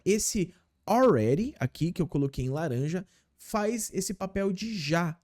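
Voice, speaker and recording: A man's voice: on the high side, darkish tone. A man teaching English in a casual video lesson, explaining step by step and often checking in with his viewers.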